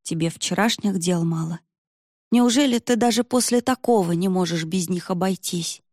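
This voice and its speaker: Brief: an outspoken young heroine, read by a woman, husky, dry close sound. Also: lowish voice, normal speed, darkish tone, dry recording, close to an everyday voice.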